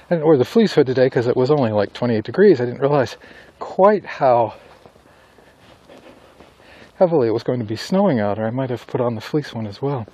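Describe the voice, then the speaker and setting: A middle-aged man talking casually to himself in an unhurried, musing monologue, pausing as he walks outdoors. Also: mid-range voice, animated, warm tone, dull audio. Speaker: writer recording an audio journal. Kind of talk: casual solo monologue while walking outdoors. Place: outdoors in falling snow, on a walk. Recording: outdoor ambient noise while walking.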